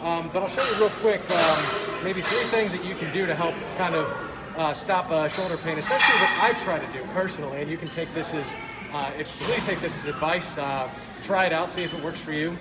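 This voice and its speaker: A man speaking through a face mask, giving casual, halting workout instruction in a gym vlog. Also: on the high side, heavy background noise. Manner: informal, halting, self-correcting explanations. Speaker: fitness video creator, host. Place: indoor gym. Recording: echoey gym, loud music behind. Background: loud music.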